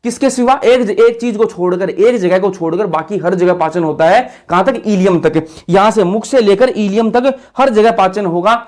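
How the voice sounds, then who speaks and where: A man's voice: high-pitched, moderate pace, few pauses, darkish tone. A man teaching biology for an exam. He asks a question, then repeats the answer, and drills the class with call-and-response questions. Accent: Hindi-speaking north Indian. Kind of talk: exam-prep lecture over a diagram.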